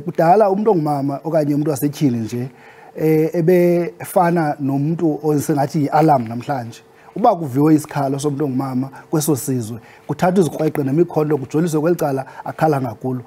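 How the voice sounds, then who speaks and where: A man with a Xhosa accent speaks as a guest explaining in a formal, respectful manner. His voice is quite fast, with a soft, dark tone and a husky edge. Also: fairly high pitch. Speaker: guest expert on Xhosa customs. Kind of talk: interview talk.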